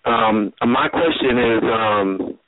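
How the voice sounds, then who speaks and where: A man calling into a show on speakerphone, his voice thin and phone-like as it comes down the line. He talks slowly and hesitantly, with lots of ums. His voice sits low and sounds dry, with no room around it. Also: dry recording. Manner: hesitant, with many pauses and ums. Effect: on speakerphone over a phone line. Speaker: caller.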